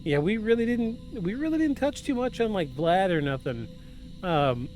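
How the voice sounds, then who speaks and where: With music in the background and a rough recording, this home podcast host sounds very animated in a high-sitting, darkish voice at a moderate pace. He's effusive, repeats things for emphasis, and moves between scripted narration and offhand asides.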